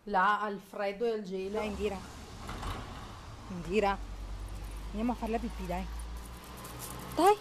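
A woman's voice: mid-range voice, unhurried, pauses often, background noise. A young woman with an Italian accent, a mother talking casually to her viewers at home and cooing to her baby in a singsong voice. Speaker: vlogger mother. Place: home kitchen.

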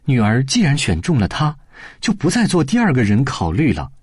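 A man's voice: medium pitch, wildly swooping pitch, a little fast, darkish tone, husky, dry recording, clean studio sound. Resolute princess, read by a man. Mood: firm. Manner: firm, dutiful. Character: resolute young princess, female. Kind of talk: storybook audiobook voice acting.

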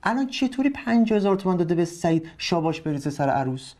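A man's voice: high-pitched, big pitch swings, a little mellow. An actor playing a bitter, sarcastic young husband who argues with his in-laws in a TV drama. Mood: indignant. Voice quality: sarcastic, argumentative. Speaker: son-in-law living with in-laws. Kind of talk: TV drama acting.

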